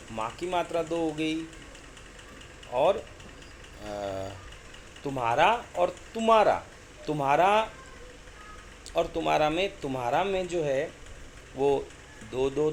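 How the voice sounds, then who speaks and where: Slow-spoken man teaching Hindi poetics. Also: fairly high pitch, a little hiss or hum. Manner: slow, repeats words, chants couplets drawn out. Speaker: college lecturer. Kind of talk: explaining Hindi poetics lecture.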